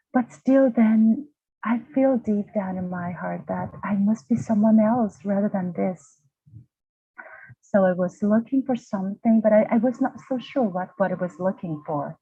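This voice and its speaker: Her voice is gravelly and on the low side as this Vietnamese guest, a university lecturer in her 40s, narrates her personal story. She often hesitates and begins again while groping for words. The video-call sound is tinny and dry, without room sound.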